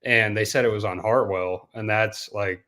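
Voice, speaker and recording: A young man from Denmark, guest on a casual podcast interview, talking in a relaxed, rambling way and saying dude often. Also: fairly low pitch, normal speed. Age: young adult. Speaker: guest, professional bass angler.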